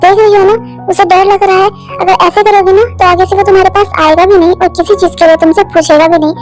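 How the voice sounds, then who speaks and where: Voice actor doing a gentle coaxing young aunt. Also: very high voice, flat delivery, fast, music in the background, low-quality recording. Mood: reproachful. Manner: coaxing, soft. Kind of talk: amateur Hindi fan dub.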